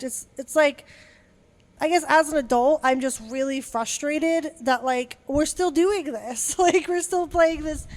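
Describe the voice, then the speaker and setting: Frustrated young woman venting on a podcast. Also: high-pitched. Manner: frustrated, rambling, swears freely; many fillers and restarts. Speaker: podcast co-host. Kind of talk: casual podcast chat.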